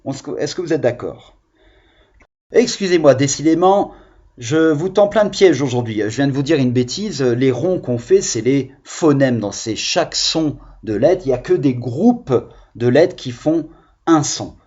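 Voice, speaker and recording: A man teaching young children in a recorded lesson, patient and encouraging, stretching out the key words slowly. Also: medium pitch, lively intonation, a little mellow, husky, lo-fi sound. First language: French. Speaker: primary school teacher.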